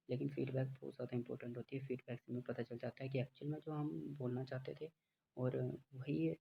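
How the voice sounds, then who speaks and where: A man teaching a lecture, explaining step by step with frequent fillers and reading English definitions very slowly. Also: mid-range voice, gravelly. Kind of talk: classroom lecture. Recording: dull lo-fi with faint background noise.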